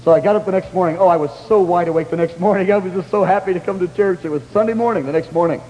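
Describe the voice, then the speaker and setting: Man, high voice, animated sermon testimony, excited exclamations, echoey hall. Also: racing. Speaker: pastor.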